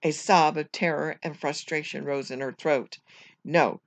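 A teacher reading a children's chapter book aloud at home, measured and careful, now and then correcting a slipped word. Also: mid-range voice, steady tone, vocal fry. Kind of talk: storybook read-aloud.

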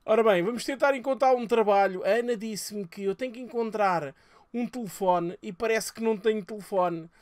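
A young man with a European Portuguese accent, giving crude, excitable let's play commentary and swearing often as he plays. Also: high voice, brisk, dry recording, studio quality. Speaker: gaming streamer.

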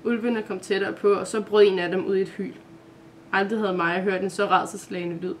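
A woman reading a children's advent-calendar story aloud at a steady pace, with small self-corrections. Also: medium pitch, a little hiss or hum.

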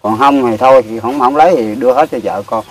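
A man's voice: mid-range voice, fast talker. Plaintive older man. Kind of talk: casual chat.

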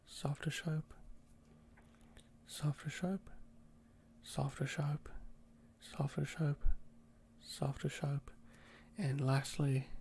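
A man murmurs close to the microphone in a whispered role-play as a gentle doctor. His voice is mellow and hushed, and he pauses often with small fillers. He gives each instruction slowly and calmly. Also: fairly high pitch, vocal fry, slight background noise. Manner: soft-spoken, slow and gentle, with frequent hesitant fillers. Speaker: doctor giving a cranial nerve exam.

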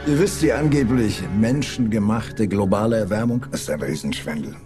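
An actor in his forties playing a smug, insinuating conspiracy-minded presenter with measured, suggestive delivery. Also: fairly low pitch, over music, lightly acted.

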